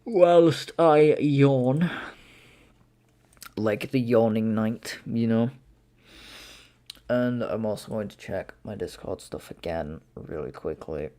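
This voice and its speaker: A man's voice: lowish voice, fairly even intonation, a little slow, mellow. A young man hosting a livestream from home, chatting casually as he reacts, swearing and laughing easily. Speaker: livestream host. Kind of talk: casual live commentary.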